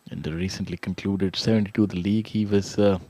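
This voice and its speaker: A man giving live golf commentary in a measured, hesitant way, pausing often as he goes. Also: low voice, steady tone, warm tone, dry recording. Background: whirring drone blades, outdoor ambience.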